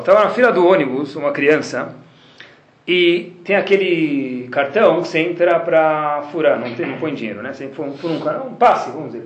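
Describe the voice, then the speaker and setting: A man's voice: on the high side, lo-fi sound. Brazilian man teaching a class in a roomy space. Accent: Brazilian Portuguese. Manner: lively storyteller, keeps addressing the audience with rhetorical questions. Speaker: religious teacher. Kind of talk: lecture to a class. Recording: roomy, with faint background noise.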